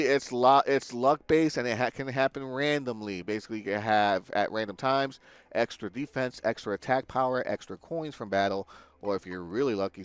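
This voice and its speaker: A man's voice: mid-range voice, clean tone. A man giving casual let's-play commentary as he hosts a gaming video.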